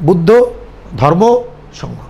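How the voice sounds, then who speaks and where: A man's voice: a little high, expressive, slow, vocal fry, dark tone, slightly rough, lo-fi sound. A man with a Bengali accent giving a seminar lecture, explaining ideas and often checking that his listeners follow. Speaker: seminar teacher. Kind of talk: lecture to students.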